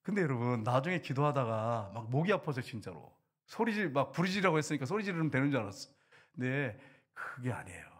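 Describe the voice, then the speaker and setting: A middle-aged man, a pastor, preaching an animated sermon with sudden loud bursts and hushed asides. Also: medium pitch, fast talker, husky.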